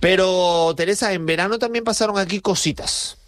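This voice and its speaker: A man hosting a radio show, chatting casually and teasing his guest with quick asides. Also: sits high, fairly bright tone. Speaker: radio host. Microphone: studio microphone.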